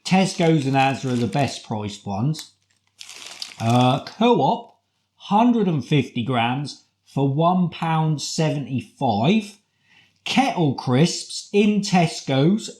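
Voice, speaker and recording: British man, slow-paced casual food reviewer. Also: on the high side, a little mellow. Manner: chatty, deliberate, with rhetorical questions. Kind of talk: casual product review talk.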